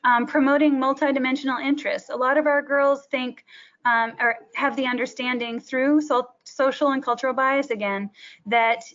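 A woman's voice: high-pitched, fairly even intonation, moderate pace, a bit bright. A middle-aged woman presenting a school webinar on her teaching programs, talking earnestly with frequent ums as she goes through slides. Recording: muffled lo-fi webinar audio.

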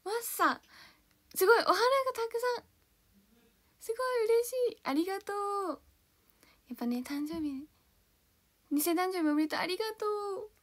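A woman's voice: very high-pitched, lively intonation, moderate pace, pauses often. A young woman chatting casually on a livestream, bubbly and giggly, reading out and thanking viewers' comments one by one. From Kanto, Japan; born in Hiroshima. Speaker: idol livestreamer.

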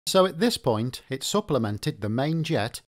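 Male narrator for a repair tutorial; methodical, lively pitch, mid-range voice. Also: unhurried. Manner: methodical, explanatory. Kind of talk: scripted instructional narration.

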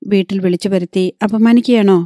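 A man's voice: sits high, fairly even intonation, a little fast, mellow, no echo, clean studio sound, close to an everyday voice. A woman voicing a greedy, stubborn man bargaining bluntly for a dowry in an audiobook.

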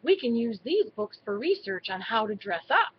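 A woman's voice: fairly high pitch, very animated, normal speed, dull audio, a little hiss or hum. A woman voicing an eager, adventurous young female mouse in a storybook reading. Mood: curious. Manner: eager, persuasive.

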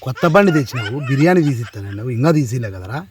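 A man acting a hard-of-hearing uncle in a village comedy skit, mishearing everything and scolding loudly. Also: medium pitch, lively intonation, racing, a crowd in the background.

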